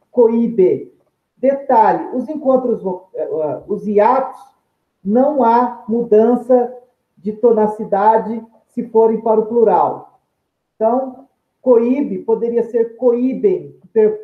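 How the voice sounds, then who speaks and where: A teacher giving a deliberate grammar lesson and stressing each example word. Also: medium pitch. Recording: tinny phone-like line in an echoey room.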